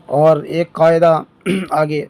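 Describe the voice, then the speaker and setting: Male teacher, slightly high voice, drawn-out letter sounds, dry close recording. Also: little pitch movement, a little mellow, smooth, dry recording. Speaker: Quran reading teacher. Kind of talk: patient beginner lesson.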